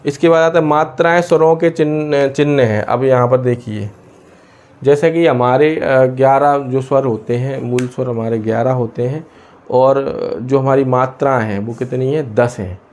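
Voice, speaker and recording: Hindi teacher, self-questioning lesson. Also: male voice, medium pitch, steady tone, normal speed, a little mellow. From India. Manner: asks and answers his own questions, many hesitations. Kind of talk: explaining a lesson.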